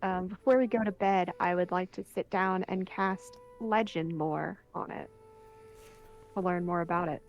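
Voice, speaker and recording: A woman's voice: on the low side, unhurried, muffled recording, soft background music. A woman talking casually as a player in a tabletop fantasy game.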